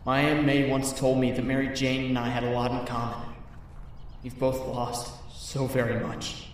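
A man voicing Peter Parker, a kind, thoughtful young man, speaking gently and reflectively in a comic dub. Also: mid-range voice, level tone, moderate pace, heavy reverb, distant mic, slight background noise, natural voice, poor audio.

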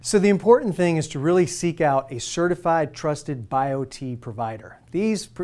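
A man's voice: fairly high pitch, darkish tone. A man in his forties giving a persuasive scripted presentation to camera, asking the viewer direct questions, recorded in a studio on a lapel mic. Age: 40s. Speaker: hormone therapy presenter. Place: studio with plain light backdrop.

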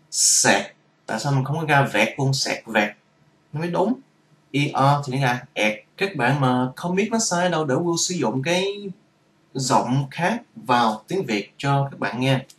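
A man's voice: fairly high pitch, a bit bright. Echoey man teaching pronunciation. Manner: explains patiently, repeating and demonstrating each sound. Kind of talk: casual vlog lesson.

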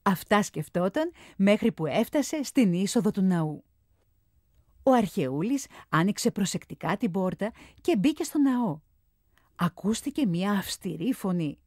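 A woman reading a children's storybook aloud in a clear, expressive narrating voice. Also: medium pitch, no echo, clean studio sound.

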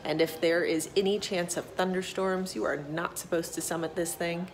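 A woman's voice: on the low side, steady tone, normal speed. A woman in her thirties vlogging a mountain hike, talking to a phone held at arm's length, chatty and upbeat with wry asides. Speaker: thru-hiker vlogger. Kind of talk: casual vlog narration. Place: outdoors on a windy mountain trail and summit. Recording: loud wind noise on the phone mic.

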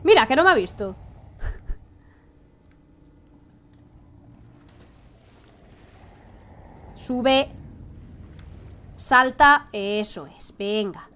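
A young woman with a Spanish accent giving excitable live gameplay commentary, swinging from hushed coaxing to sudden shrieks. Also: fairly high pitch, drawn-out words, long pauses. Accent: Spain Spanish. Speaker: gaming streamer.

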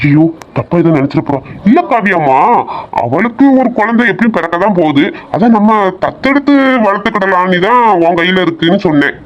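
A man voicing a young husband in an animated family drama, hurried, alternately coaxing and scolding his crying wife. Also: high voice, lo-fi sound. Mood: impatient coaxing. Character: young husband, impatient and embarrassed.

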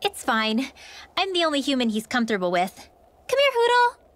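Rinwell, a high-voiced young mage. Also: female voice, very animated, fairly quick, fairly bright tone. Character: young female mage, earnest and guarded. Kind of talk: video game voice acting.

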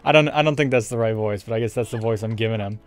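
A man's voice: on the low side, quick pace. Young man doing let's play commentary over music. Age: young adult. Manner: rambling, frequent swearing. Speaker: gaming YouTuber. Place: indoor room with webcam setup. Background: game music.

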